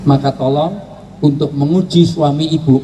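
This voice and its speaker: A man delivers a playful Islamic sermon, breaking into acted quotes and sudden shouts. Faint background noise and the ambience of a gathering sit behind him. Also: on the high side, moderate pace, poor audio. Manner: joking, animated, acts out quoted voices and shouts. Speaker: preacher. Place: live gathering with an audience.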